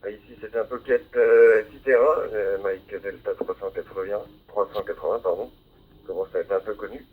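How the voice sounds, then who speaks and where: Over a tinny, narrowband digital ham radio channel with faint hiss, a man with a fairly low, steady voice talks at a moderate pace. He fills pauses with hesitations and spells out call signs phonetically, speaking into a handheld mic picked up by a receiver.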